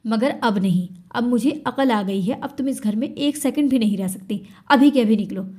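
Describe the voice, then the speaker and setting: A woman's voice: fairly high pitch, lively intonation, fairly quick. A woman voicing a furious young man who hurls bitter accusations in an Urdu audio story. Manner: shouting, bitter reproach.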